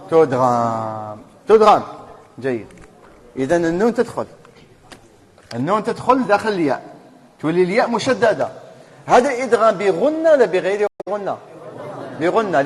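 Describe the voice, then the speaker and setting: A man with an Algerian Arabic accent leads a tajweed class, and his voice sits fairly high for a man. He keeps questioning his students, then spells out the rules himself. The sound carries a long reverb from a mosque hall. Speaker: Quran recitation teacher.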